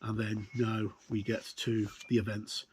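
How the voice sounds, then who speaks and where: A tabletop game reviewer gives a casual, unscripted flip-through review of a product. His fairly low voice is completely flat and measured in pace, and the noisy recording has clear background noise with clicks.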